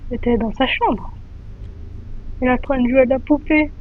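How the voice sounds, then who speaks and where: A woman giving excitable gameplay commentary as a streamer, full of sudden exclamations. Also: high voice, a little fast. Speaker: gaming streamer. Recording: dull lo-fi mic.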